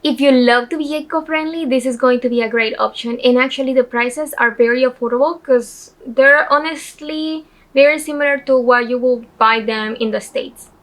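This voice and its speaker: Woman, 20s, from El Salvador, vlog host, casual, upbeat, slightly high voice, facing the camera indoors. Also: normal speed, hardly any pauses, fairly bright tone. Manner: upbeat, chatty, direct to camera. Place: indoor room on a couch. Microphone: camera in front of her; handheld phone at arm's length while walking.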